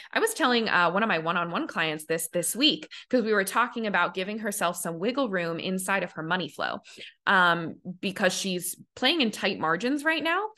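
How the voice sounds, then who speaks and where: Bright and forceful at medium pitch, a young woman talks casually on the podcast she hosts as a money coach. She leans heavily on "like" fillers and acts out the voices in her quotes.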